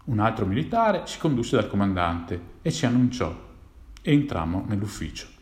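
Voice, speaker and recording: A man tells a story from his own past, his voice swinging widely in pitch as he builds the tension. His voice carries a noticeable roomy echo. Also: moderate pace. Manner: dramatic, animated telling with rises for tense moments. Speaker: narrator. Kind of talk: first-person storytelling of a childhood memory.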